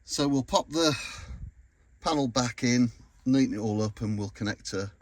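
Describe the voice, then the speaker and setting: With a medium-pitched voice at normal speed, this British man gives a relaxed, hands-on running commentary in and around a car for a DIY vlog. His phrasing is informal and matter-of-fact, and noticeable background noise and clicks come through.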